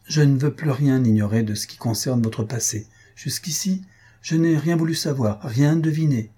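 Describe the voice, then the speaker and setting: A man's voice: mid-range voice, normal speed, dark tone, husky, voice pushed up, close to an everyday voice. A man reading an audiobook, voicing a passionate, desperate young count with an impassioned, pleading delivery. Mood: earnest.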